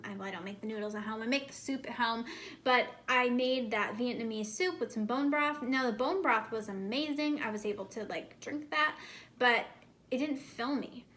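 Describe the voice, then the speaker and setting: This young adult American woman hosts a pregnancy-prep vlog, giving casual advice to camera and stressing it through repetition. Her voice is a little high and fairly bright, and a swollen mouth slightly impedes her words.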